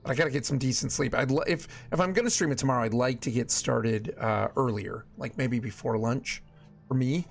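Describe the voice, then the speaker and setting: A man's voice: medium pitch, brisk, vocal fry, a little hiss or hum. A man live-streaming a video game, chatting casually with his viewers and exclaiming at small things. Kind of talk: casual live stream chat while gaming. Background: game music.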